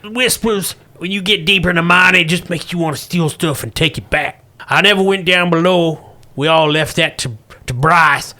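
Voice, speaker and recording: A man plays a simple old prospector in a tabletop western, pleading and dodging. The voice is high and bright, with a rustic drawl that sounds nervous and evasive. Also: normal speed. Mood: uneasy, confiding.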